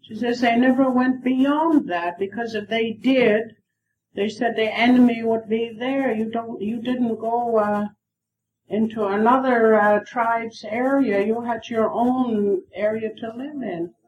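A woman's voice: a little high, measured pace, lo-fi sound. A woman interpreting in an interview, hesitant and full of fillers, heard on old worn tape. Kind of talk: casual spoken translation. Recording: worn 1970s tape with faint hiss.

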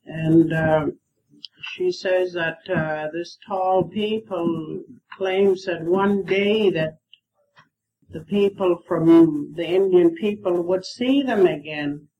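On worn 1970s tape with a faint hiss and the highs cut off, a woman with a lowish voice interprets during an interview. She speaks slowly, hesitating and using many fillers in this casual spoken translation.

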